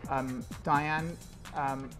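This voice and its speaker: Over music, a man with a slightly high voice and drawn-out words talks at length in a casual interview. He's a fashion creative director, chatty and full of fillers, growing animated when he describes designs.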